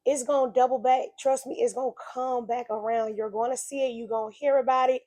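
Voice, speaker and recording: Speaking a little fast in a steady, fairly high voice with a dark tone, a woman offers an earnest, preachy message about faith. Illness leaves her slightly raspy, and her casual reflection leans on emphatic repetition.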